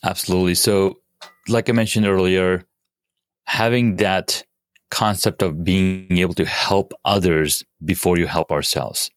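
A man's voice: low voice, fairly even intonation, unhurried, no room sound, clean studio sound. A man from Pakistan, a podcast guest, talking casually with many fillers and restarts. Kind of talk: casual interview talk.

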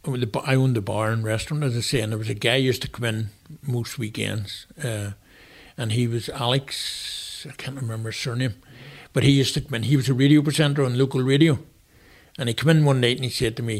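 Rambling through anecdotes as an interview guest, this Northern Irish man in his sixties, a former chef, keeps the conversation casual. He talks briskly in a steady, medium-pitched voice.

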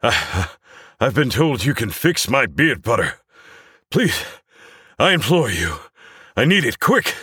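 A man voicing a debonair, smooth-talking hero who is vain and dramatic. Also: medium pitch, very animated, slow pace, pauses often, sharp tone, dry recording, clean studio sound, voice pushed up, heavily acted. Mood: frantic.

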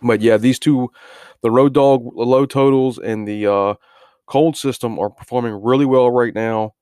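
Halting man who often repeats his words. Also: medium pitch, steady tone, a little mellow, clear, resonant tone, dry recording, clean studio sound. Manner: repeats words and restarts phrases; halting, frequent filler words. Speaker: sports betting podcast host. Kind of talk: informal solo recap of betting results.

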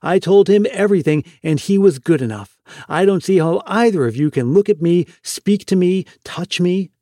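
A broken young thief confessing to his mother, halting and anguished, voiced by a male narrator. The sound is dry and close, a little high. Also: animated, warm tone, no echo. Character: ashamed grown son, a broken young thief.

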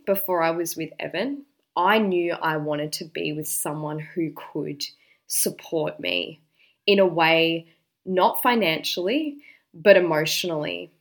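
A woman giving relationship advice in a confident, direct and emphatic way, like a dating coach talking to her audience. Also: lowish voice.

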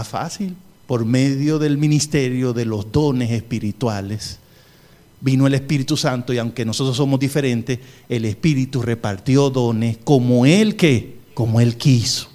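A middle-aged male pastor, his voice a little mellow, preaches a sermon full of emphatic repetition and humorous asides. His pitch swings widely.

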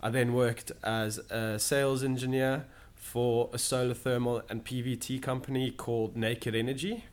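A young man from Zimbabwe, answering interview questions in a steady, explanatory way, pausing to find his words, in an office. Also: mid-range voice. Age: young adult. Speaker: guest, solar sales manager. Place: office in London.

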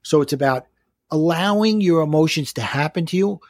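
Husky man with a Brooklyn accent. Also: a little high, brisk, darkish tone, no room sound, clean studio sound. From Brooklyn, New York. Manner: explains step by step with rhetorical questions and acted-out quotes. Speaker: life coach, interview guest. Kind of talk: conversational coaching explanation in an interview.

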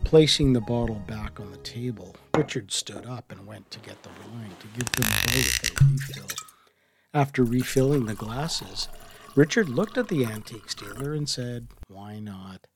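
A man narrating a story in a soft, hushed voice that often drops to a whisper, with faint music behind him. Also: mid-range voice. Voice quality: slow, hushed, breathy whisper at times.

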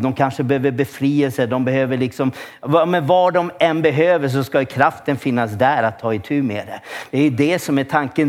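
A male pastor giving a church sermon, telling stories with lots of restarts and bursts of excitement. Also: mid-range voice. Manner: lively storytelling with frequent restarts and rising excitement.

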